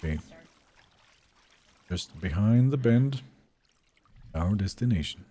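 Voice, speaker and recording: A young man with a low, mellow voice, relaxed and chatty as he streams a game live. His pitch rises and falls a lot while he answers his chat. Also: slow pace, husky. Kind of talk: live gameplay commentary.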